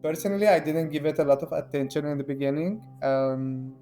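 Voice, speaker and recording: A man's voice: on the high side, fairly even intonation, brisk, dark tone, soft background music. A man from Syria, a guest investigator, answering interview questions in a hesitant way with lots of ums and restarts. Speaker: open-source investigator, guest.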